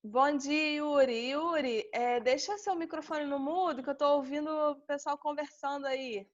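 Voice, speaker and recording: A woman's voice: sits high, steady tone, moderate pace. A Brazilian woman teaching an online class, explaining step by step and checking in with her students often. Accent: Brazilian Portuguese. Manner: patient, explaining step by step with frequent "tá?". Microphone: video call. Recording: dull lo-fi video call audio.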